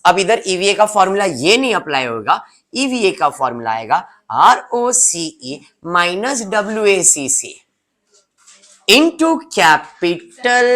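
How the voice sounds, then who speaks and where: A man's voice: sits high, fairly bright tone. Male teacher lecturing. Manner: explanatory, teasing students by name. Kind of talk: classroom lecture. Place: classroom with students.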